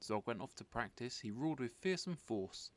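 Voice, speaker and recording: A man reading a rhyming children's story aloud as an expressive narrator. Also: medium pitch, moderate pace. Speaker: storybook reader.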